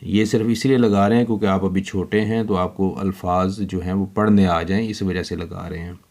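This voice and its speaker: A man teaching children handwriting, slowly spelling out letters one by one. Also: sits low, steady tone, darkish tone.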